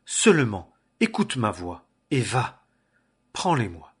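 A man reading the lines of a scheming, devoted mother in a measured way. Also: fairly low pitch, wildly swooping pitch, a bit bright, slightly rough, full character voice. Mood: urging.

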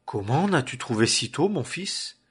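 A man's voice: mid-range voice, big pitch swings, measured pace, a bit bright, slightly rough, heavily acted. An aged blind father, read by a man. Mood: questioning.

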